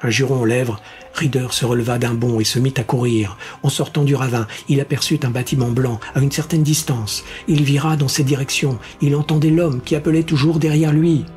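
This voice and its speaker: Guy reading a story aloud, steady and even, soft music behind. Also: medium pitch, brisk. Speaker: audiobook narrator. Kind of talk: scripted narration.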